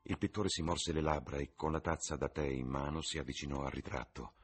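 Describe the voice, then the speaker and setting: A man reading a novel aloud as an audiobook, with expressive, varied narration. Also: very deep voice, fairly quick, slightly rough. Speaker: reader.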